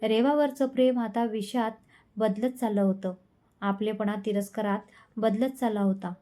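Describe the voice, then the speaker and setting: A woman's voice: mid-range voice, steady tone, normal speed, mellow. Woman narrating an emotional love story.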